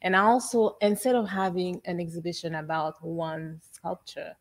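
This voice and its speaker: A middle-aged woman from Haiti, an exhibition curator, speaking in a measured, reflective way on a panel in a gallery. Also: on the low side, steady tone. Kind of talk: panel discussion. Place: art gallery room, indoors.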